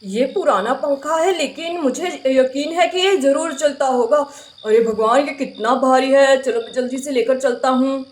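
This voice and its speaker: A woman voicing a patient grown brother in a village family, in a doll-play story, speaking lower than her own voice and calmly reassuring. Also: normal speed, close to an everyday voice. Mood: weary. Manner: reassuring, making excuses.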